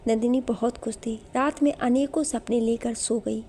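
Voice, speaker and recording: A woman narrating an emotional story in a gentle, measured way. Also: a little high, fairly even intonation, slight background noise.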